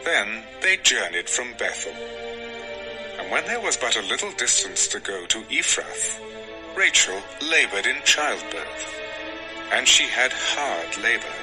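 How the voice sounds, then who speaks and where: A man reads scripture as a dramatized audio piece, his medium-pitched voice rising and falling with lots of animation yet staying controlled. Music sits clearly under his narration, and the recording is rough.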